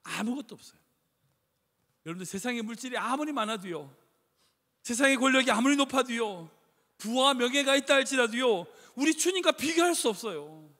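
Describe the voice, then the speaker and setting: A man's voice: very high voice, expressive, fairly quick, pushed and bright. A male pastor preaching a sermon in a church, conversational and emphatic, asking the congregation rhetorical questions. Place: church sanctuary. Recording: echoey hall reverb.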